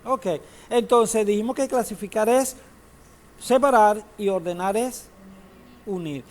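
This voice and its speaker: Teaching a database course, a man with a high, slightly mellow voice lectures at a measured pace. Every so often he asks his students questions or cracks a joke.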